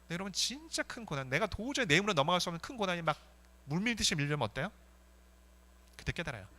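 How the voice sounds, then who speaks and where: Lively, bright-voiced male pastor preaching. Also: sits high, fast talker. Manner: earnest, lively preaching, rising and dropping to soft intensity. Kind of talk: sermon.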